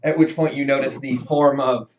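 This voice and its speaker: A man's voice: mid-range voice, fairly even intonation, normal speed, a little mellow. Rambling man narrating a tabletop game. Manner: rambling, full of fillers and hedges. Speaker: game master. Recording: dull lo-fi sound.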